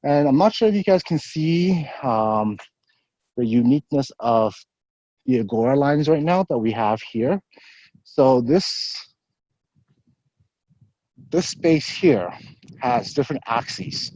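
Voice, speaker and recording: With a mid-range, slightly mellow voice, a man from the university staff leads a live virtual campus tour and answers questions, animated yet slow-paced with long pauses. He explains as he walks, a bit out of breath, frequently saying "um" and "so." The muffled recording has no room sound.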